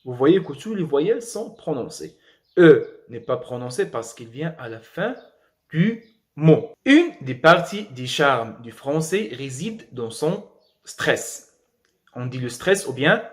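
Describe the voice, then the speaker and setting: A young man with a Moroccan accent teaches French, slowly spelling out letters and drilling vocabulary. He drops in quick asides in Arabic. His voice is on the high side.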